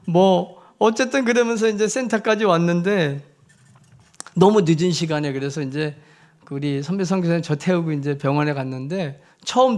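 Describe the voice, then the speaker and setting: A male missionary with a fairly high voice preaches a storytelling sermon in a church. He tells his story conversationally, with lively swings in loudness and plenty of fillers.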